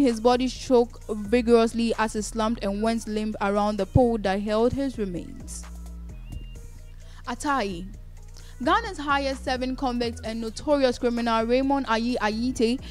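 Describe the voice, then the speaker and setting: Higher-pitched woman narrating over music. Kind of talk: scripted documentary narration. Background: background music.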